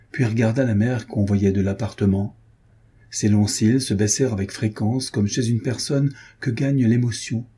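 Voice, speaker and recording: Male novel narrator, mellow and husky, steady literary read. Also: lowish voice. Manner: measured, steady storytelling. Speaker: audiobook narrator.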